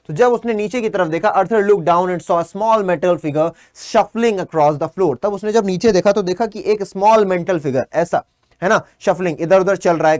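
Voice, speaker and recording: A man teaching an exam-prep lesson, reading the lines slowly and then explaining them to his students with questions. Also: high-pitched, no room sound, studio quality. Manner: addresses students directly, asks and answers his own questions. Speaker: English teacher.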